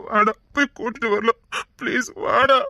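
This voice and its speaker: A man's voice: very high-pitched, fairly even intonation, moderate pace, pushed and bright, full character voice. A man with a Tirunelveli Tamil accent playing a stern elder brother who scolds and pleads with his younger brother. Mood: scolding.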